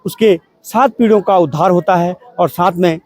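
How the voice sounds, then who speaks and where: A man's voice: high-pitched, moderate pace, a little mellow. A man speaking as a religious guide, reciting and explaining scripture and ritual.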